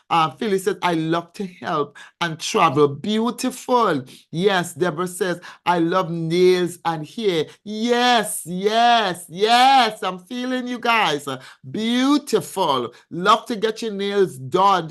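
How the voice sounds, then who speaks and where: A woman coaching her viewers live, her voice sitting in an ordinary middle register. She reads out their comments one by one and gushes back with repeated yeses and praise. When something delights her, her voice shoots up high. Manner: excitable, voice leaps up when she gets excited. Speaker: financial coach hosting a weekly live.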